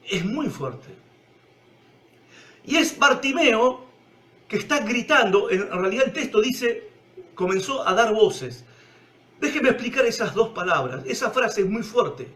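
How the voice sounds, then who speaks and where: Argentine-sounding guy preaching, high voice, goes from loud to hushed. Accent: Rioplatense Spanish. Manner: emphatic, swings from loud cries to hushed low tones. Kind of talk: sermon.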